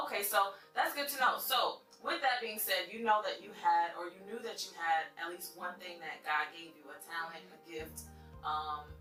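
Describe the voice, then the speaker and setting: A woman's voice: fairly low pitch, sharp tone. A woman hosting a casual interview in a hair salon, upbeat and slangy as she hypes up her guest. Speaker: interview host. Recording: echoey room, mic at a distance, music behind.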